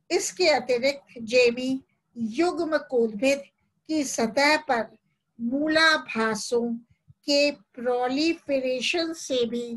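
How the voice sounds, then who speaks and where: High-voiced woman teacher dictating slowly. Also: rough recording. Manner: repeats phrases for note-taking, adds English terms. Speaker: biology teacher. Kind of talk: slow dictation-style lecture.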